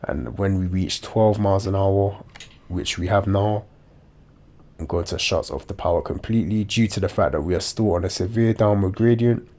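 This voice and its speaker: Male game commentator, low-pitched, stuffed-up nasal delivery, dopey edge, explains procedures step by step. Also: normal speed, darkish tone. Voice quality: nasal, blocked-nose congested sound. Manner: dopey-sounding, matter-of-fact explaining. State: congested with a blocked nose. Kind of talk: measured instructional gameplay commentary.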